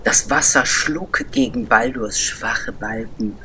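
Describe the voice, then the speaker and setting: A man telling a children's story as scripted narration, slow and deliberate with dramatic pauses. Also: mid-range voice, animated, pushed and bright, slight background noise.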